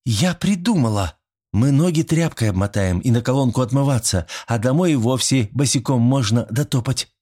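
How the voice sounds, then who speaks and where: A man reading an audiobook, voicing an eager, easily offended teenage schoolgirl who chatters excitedly and indignantly. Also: medium pitch, normal speed, voice pushed up, natural voice. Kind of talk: audiobook character voice.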